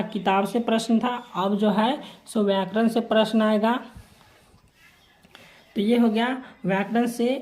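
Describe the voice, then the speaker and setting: A woman teacher from Bihar talks through textbook questions and answers at a slow, unhurried pace. Her pitch sits in an ordinary middle range, and she keeps coming back to the same stock phrases as she writes each answer out. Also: darkish tone. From Bihar, India. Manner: slow, repeats formulaic phrases while writing answers. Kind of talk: homework answer walkthrough lesson.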